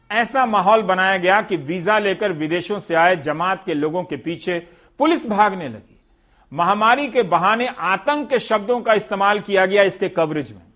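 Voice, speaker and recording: A man's voice: high-pitched, fairly bright tone. A man delivering scripted TV news commentary in a sarcastic, rhetorical way, speaking straight to the viewer.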